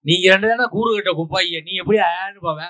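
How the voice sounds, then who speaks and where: A man judging a comic stage debate, trading quick deadpan comebacks and mock proverbs. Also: high-pitched. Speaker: debate judge.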